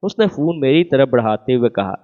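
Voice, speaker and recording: A man reading a romantic first-person story as scripted narration, voicing every part in the same even voice. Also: medium pitch. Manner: reads all parts in one even voice. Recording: phone-like narrow band.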